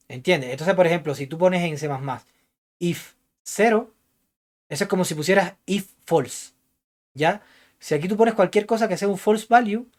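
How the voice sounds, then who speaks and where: A man's voice: fairly high pitch, a little mellow. Man lecturing a programming class. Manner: keeps checking understanding with "¿ya?" and "¿entiendes?"; thinks aloud, hedging what he recalls.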